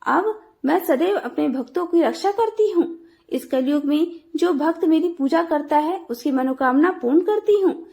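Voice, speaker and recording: A woman's voice: high voice, lively intonation, normal speed, vocal fry, dark tone. A woman voicing a kind, solemn mother goddess. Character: benevolent mother goddess speaking to devotees.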